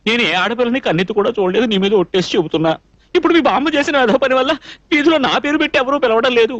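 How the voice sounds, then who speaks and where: A man's voice: very high-pitched, no room sound, dull audio. A young man playing a flustered bachelor who scolds in exasperated bursts in a film comedy scene. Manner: exasperated rapid scolding with comic outbursts. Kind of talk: Telugu film comedy dialogue.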